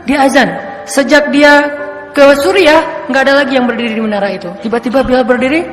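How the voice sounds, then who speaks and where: A man's voice: very high-pitched, fairly even intonation, a little fast, a bit bright. A man telling a story in a sermon, acting out the characters' lines. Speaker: preacher. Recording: echoey hall with faint music.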